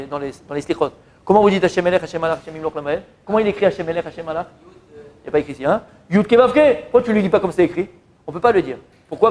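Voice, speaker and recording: A rabbi giving a Torah lesson to an audience, often asking them questions as he teaches. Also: high voice.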